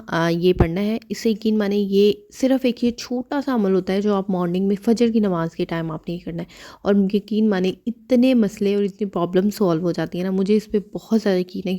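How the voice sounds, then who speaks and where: A young adult woman from Pakistan giving earnest, casual spoken advice in a vlog, repeating herself and often pausing with "um". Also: medium pitch, warm tone. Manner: earnest and repetitive, with many "um" fillers. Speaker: vlogger.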